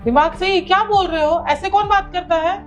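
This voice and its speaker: An actress playing a bossy young wife who gives her husband sharp orders. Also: very high voice, brisk, faint music behind. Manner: commanding, sharp.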